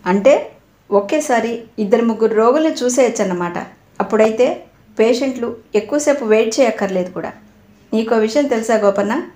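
A woman's voice: a little high, lively intonation, brisk, mellow, close to an everyday voice. A woman narrator voicing a cheerful young male doctor who talks in a playful, teasing way. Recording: roomy echo.

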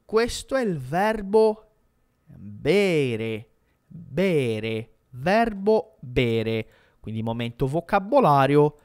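Animated language teacher drilling words slowly. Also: medium pitch. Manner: animated, repeats words slowly for drilling and asks viewers questions; switches between Italian and Brazilian Portuguese. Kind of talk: live online language lesson.

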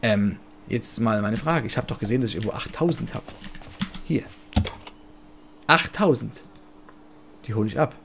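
A man's voice: on the low side, expressive, normal speed, creaky, pauses often, fairly bright tone, slight background noise. Rambling German-speaking male gamer. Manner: chatty, rambling, blunt and jokey. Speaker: let's play gamer. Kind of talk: casual gameplay commentary.

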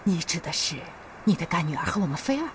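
A woman's voice: lowish voice, sing-song, fast talker, far from the mic, a little hiss or hum. An actress playing a fussing, doting middle-aged mother in a costume TV drama, sighing and exclaiming as she talks. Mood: fond. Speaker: Yue Fei's mother.

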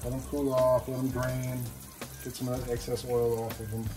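A man in his thirties hosting a home cooking show, explaining each step in a relaxed way as he cooks in his kitchen. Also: mid-range voice, moderate pace, poor audio. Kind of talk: casual cooking demonstration. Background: background music.

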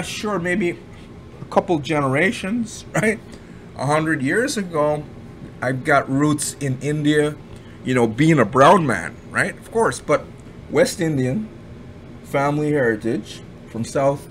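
A man's voice: a little high, fairly bright tone. A Canadian man from Ottawa giving blunt, rambling casual commentary over a screen recording, repeating himself and swearing now and then. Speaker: online marketing reviewer. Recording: audible background noise.

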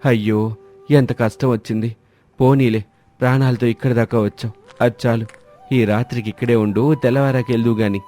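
A gentle old villager who lives alone, voiced by a man, talking in a mellow, warm tone. He is soothing and unhurried in manner, and he speaks as a storybook grandfather would. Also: medium pitch, steady tone, soft background music, close to an everyday voice. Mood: reassuring. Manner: gentle, reassuring. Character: lonely old village man, calm and kindly.

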